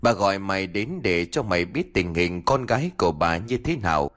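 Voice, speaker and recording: Man doing a domineering old village woman in a spoken ghost story, scolding and taunting in a low voice that swings widely in pitch, a cruel schemer lording it over the poor. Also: sing-song, moderate pace, fairly bright tone.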